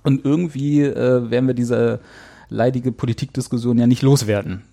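A man's voice: medium pitch, fairly even intonation, moderate pace, creaky, warm tone. A man hosting a casual talk show, rambling thoughtfully with many fillers and restarts. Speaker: show host. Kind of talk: casual chat.

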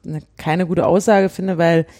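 A woman's voice: on the low side, steady tone, unhurried, warm tone. A woman hosting a casual talk show, explaining her views earnestly with hesitant restarts. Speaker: show host. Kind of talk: casual chat.

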